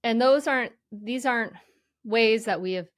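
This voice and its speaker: A woman guest explaining mindful parenting in an earnest, gentle way, often saying "you know". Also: on the high side, moderate pace, no echo, studio quality. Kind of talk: conversational explanation.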